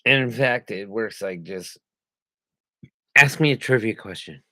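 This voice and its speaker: A man's voice: lowish voice, expressive, a little slow, bright, forceful tone, no room sound. Joking man with hiccups, dry sound. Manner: joking, crude banter. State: has hiccups. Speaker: co-host. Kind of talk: casual chat.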